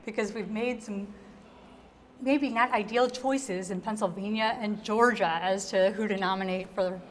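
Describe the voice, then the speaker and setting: A woman's voice: medium pitch, steady tone, a little slow, in a large hall, slight background noise. A woman, an attorney on a political panel, giving confident and direct analysis of election results.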